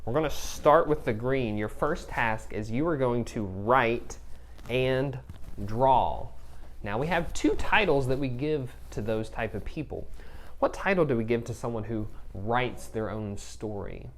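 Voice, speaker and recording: A male kindergarten teacher giving a recorded lesson, speaking clearly, praising and pausing for the children's answers. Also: medium pitch, lively intonation.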